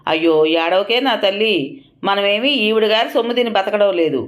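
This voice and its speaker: A woman's voice: medium pitch, brisk, natural voice. A woman voicing a proud, bossy mother-in-law who scolds indignantly. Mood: indignant, scolding.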